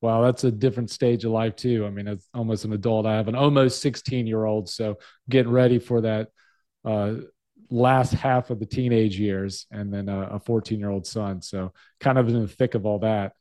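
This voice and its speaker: A man's voice: lowish voice, steady tone, normal speed, dark tone. Friendly male podcast host. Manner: friendly, encouraging, stumbles over questions. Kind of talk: casual interview talk.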